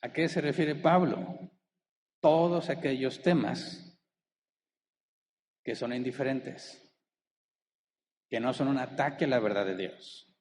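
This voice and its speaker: A male pastor preaching a sermon. He keeps asking the congregation rhetorical questions and slows down to stress the key words. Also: mid-range voice, darkish tone, big-room sound, slight background noise. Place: church hall.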